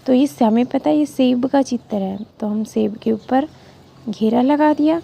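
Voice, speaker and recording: Gravelly, slow-paced woman teaching children. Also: high-pitched, dark tone. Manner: patient, sounds out syllables slowly and asks the class questions. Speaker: school teacher. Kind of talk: reading lesson for young children.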